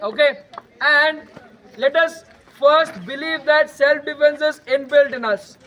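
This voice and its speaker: A young man with an Indian English accent, switching into Telugu as he teaches a self-defense class to students, calling out loud commands. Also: very high-pitched, a little slow. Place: outdoors at a school, large group of students. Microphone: no microphone, camera at a distance. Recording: dull lo-fi sound, crowd noise.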